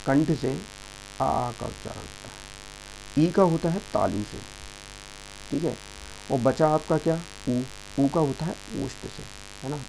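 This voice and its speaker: A man's voice: medium pitch, vocal fry, warm tone, a little hiss or hum, poor audio. A young man teaching an exam-prep grammar lesson, explaining patiently and checking in with his listeners often. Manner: explaining patiently, repeats "ठीक है" and "दोस्तों" often.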